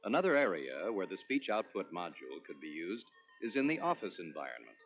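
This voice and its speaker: A man presenting a product demonstration in a scripted, instructional promotional narration with clearly structured delivery. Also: low-pitched, sing-song, a little fast, faint music behind. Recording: dull lo-fi 1980s demo recording.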